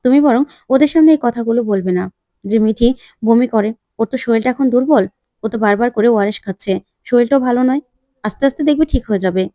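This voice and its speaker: Lady doing calm protective sister type, soothing, firm, dry close sound. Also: a little high, fast talker, no echo, lightly acted. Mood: reassuring.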